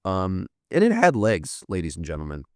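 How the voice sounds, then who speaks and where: With a deep voice and huge swings in pitch, a man in his thirties from the United States chats casually on a podcast livestream, reading viewer comments and swearing offhand as he rambles. He talks at a normal speed. The recording is dry and of studio quality.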